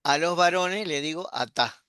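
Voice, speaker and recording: A man, a pastor teaching an online class, explaining patiently and repeating words slowly. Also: on the high side, bright, forceful tone, clear, resonant tone, no echo, clean studio sound.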